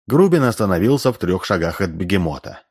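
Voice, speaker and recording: A man narrating an audiobook, reading in a lively manner and voicing the characters. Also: low voice, a little fast, breathy edge.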